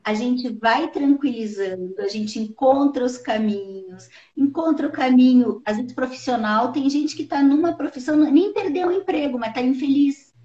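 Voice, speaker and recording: A woman hosting a casual live-stream conversation, lively and swooping in pitch as she explains. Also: normal speed, few pauses. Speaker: live show host. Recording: roomy, slightly dull live-stream audio.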